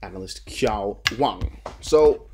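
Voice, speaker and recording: There's slight background noise as this young Dutch-native man speaks slowly in a lowish, animated voice with a darkish tone. He's a crypto news YouTuber casually reading articles and commenting, often stumbling and repeating words.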